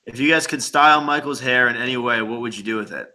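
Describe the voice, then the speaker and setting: A young man hosts a loose group video call from his live stream, teasing his guests and laughing at his own bits. His voice has a clear, bright edge, and he sounds like he is on a video-call mic. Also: mid-range voice, quick pace, low-quality recording. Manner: joking, laughs often. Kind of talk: casual group video chat.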